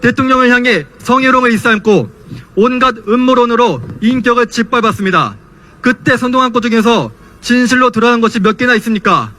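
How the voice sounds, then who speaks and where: A young man delivers a student's political rally speech. His voice is strikingly high and has a forceful, sharp edge. He declaims with passion, in the rhetorical manner of a protest orator. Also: lively intonation, a little fast. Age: young adult. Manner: impassioned, declamatory rhetorical questions.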